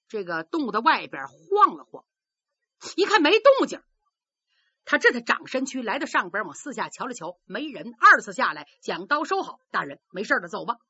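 A woman's voice: fairly high pitch, pushed and bright, slightly rough, dry recording, muffled recording. A woman telling a traditional story vividly, acting out sound effects with her voice.

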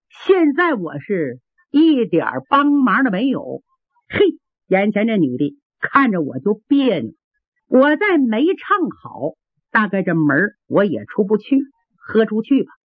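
Lively husky woman storyteller. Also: medium pitch, dry recording. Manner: animated, vivid, colloquial. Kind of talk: traditional storytelling. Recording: dry, tinny phone-like sound.

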